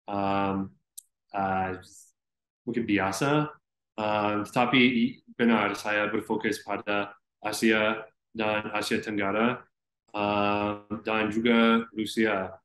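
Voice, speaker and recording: Young american guy, english native, low-ish voice, slow and hesitant in his second language, echoey room. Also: level tone, a bit bright. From Florida, United States. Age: young adult. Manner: halting second-language speech with frequent hesitations. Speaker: interview guest, student. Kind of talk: conversational interview. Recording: roomy, echoey sound.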